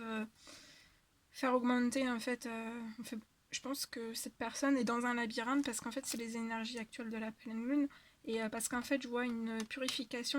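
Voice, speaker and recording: A woman's voice: on the high side, a bit bright, no room sound. Hesitant woman giving a tarot reading. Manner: hesitant, many fillers and repetitions. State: tired voice after an hour of talking. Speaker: tarot reader. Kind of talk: casual spiritual guidance monologue.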